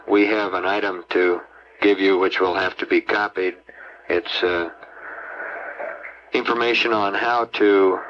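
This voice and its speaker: American male, space-mission radio communicator. Low, flat delivery, measured read-outs, dull lo-fi archival transmission. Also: slight background noise. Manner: clipped, measured, reading out figures digit by digit. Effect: space mission radio link. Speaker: mission control capsule communicator. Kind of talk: astronaut radio talk, procedural read-out.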